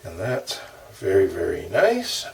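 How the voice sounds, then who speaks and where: A man hosting a low-budget cooking show, talking through each step of a recipe in a relaxed, chatty way while he cooks in his kitchen. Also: slow pace, gravelly. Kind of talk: casual cooking demonstration. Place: home kitchen. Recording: distant mic with kitchen noise.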